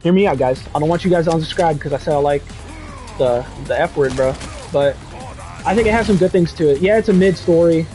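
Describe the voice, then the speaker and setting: A young man chats on his livestream, rambling and excitable. His voice sits a little high but sounds mellow and soft-edged. Faint music plays underneath. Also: brisk. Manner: rambling, excitable, says dude and bro a lot. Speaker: streamer reading chat. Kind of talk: casual livestream chat.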